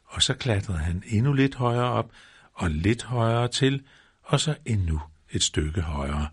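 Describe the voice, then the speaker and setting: A man reads a children's story aloud with a measured, repeating rhythm. His voice sits low and carries a husky, slightly breathy edge. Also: expressive. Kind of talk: scripted narration of a children's storybook.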